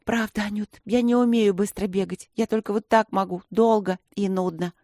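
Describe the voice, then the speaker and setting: A woman's voice: medium pitch, fairly even intonation, normal speed, dark tone, no echo, natural voice. A woman voicing a stubborn, earnest teenage schoolgirl who argues heatedly, close to tears. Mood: grim. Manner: heated, tearful insistence.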